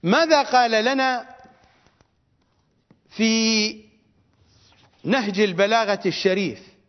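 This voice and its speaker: A man's voice: high voice, takes it slowly. A man with an Iraqi Arabic accent giving a religious lecture as a cleric, fiery and scornful, repeating phrases for stress. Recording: reverberant dull lo-fi recording.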